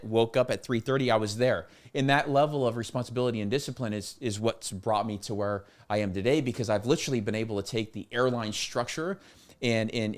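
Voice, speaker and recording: A man in his forties talking casually as a podcast guest, emphatic, often repeating words as he goes. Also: medium pitch. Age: 40s. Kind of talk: casual conversational interview.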